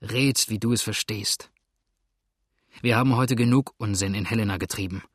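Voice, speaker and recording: A man voicing a calm, scarred steersman who gives curt, gruff commands, as in a storybook reading. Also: fairly low pitch, normal speed, dry recording, clean studio sound, lightly acted. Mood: gruff, commanding.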